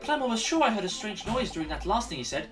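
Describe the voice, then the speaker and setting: A man's voice: high voice, sing-song, very fast, over music, voice pushed up. A man voicing an earnest young defense lawyer in a courtroom video game. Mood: puzzled.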